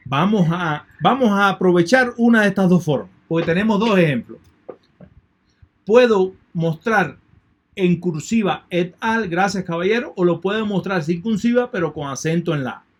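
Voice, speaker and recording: A man's voice: sits high, expressive, normal speed. A man teaching an online lecture in a methodical way, repeating key points and thanking his students. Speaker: university lecturer.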